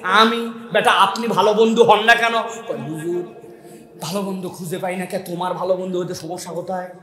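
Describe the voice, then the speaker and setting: A man preaching a sermon in the waz style, telling stories with acted dialogue and shouting rhetorical questions at his listeners, sometimes chanting in a sing-song way. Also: high-pitched, fairly even intonation, fairly quick, reverberant. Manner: dramatic storytelling, voicing characters and shouting rhetorical questions.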